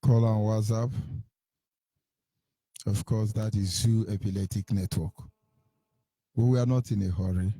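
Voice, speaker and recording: Mellow Nigerian radio phone-in host, male. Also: fairly low pitch, fairly even intonation, measured pace, pauses often, breathy edge, no echo. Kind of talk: live call-in radio hosting.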